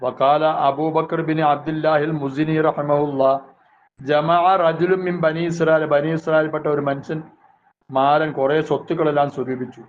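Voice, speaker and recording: A man teaching a religious class, reading Arabic phrases and explaining each one in a slow, measured way, with short prayers between. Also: a little high, level tone. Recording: tinny phone-like audio with faint hiss.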